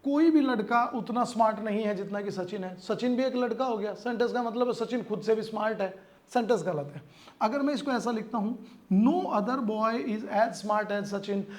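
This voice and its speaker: A male teacher giving an exam-prep English grammar lesson, explaining in Hindi, reading English sentences slowly and asking his students questions. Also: high-pitched.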